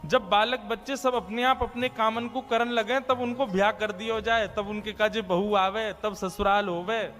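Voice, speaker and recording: A man's voice: sits high, fairly even intonation, normal speed, few pauses, a bit bright, faint music behind, pitched above the performer's own voice. A man voicing a patient village mother with a Braj accent, coaxing and soothing her child.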